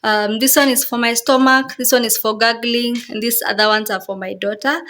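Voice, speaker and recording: A woman's voice: on the high side, steady tone, brisk, a bit bright. A woman vlogger with a Kenyan accent, casually explaining things step by step and repeating her phrases as she goes. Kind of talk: casual home tour explanation.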